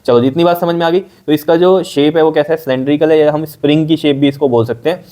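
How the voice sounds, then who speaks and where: A man teaching a science lesson, explaining step by step, often checking that students follow, and dictating definitions slowly. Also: fairly high pitch, fairly even intonation, warm tone. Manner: repetitive, checks understanding with frequent "okay?".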